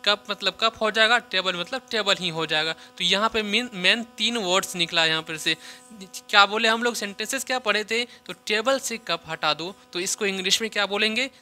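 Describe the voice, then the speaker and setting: Male English tutor with a high, bright voice; drills example sentences slowly and breaks down each word. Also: faint music behind. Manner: explains word meanings step by step. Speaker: English teacher. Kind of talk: spoken English lesson.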